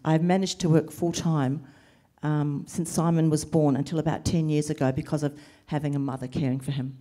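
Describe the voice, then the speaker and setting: Speaking on a panel about caring for family, a middle-aged carer and social worker gives earnest, emotional answers, measured and punctuated by pauses. Of Lebanese heritage and raised in New Zealand and Australia, she has a low, mellow, steady voice carrying the weariness of sleep deprivation.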